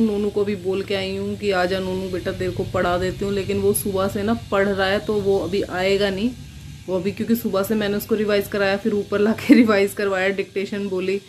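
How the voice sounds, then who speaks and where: Chatting casually to her phone camera in her home kitchen, a mother vlogs about everyday things. She laughs a lot and slips into playful cooing when she turns to her kids. Her voice is middling in pitch and a little mellow, with a faint hiss of noise in the background.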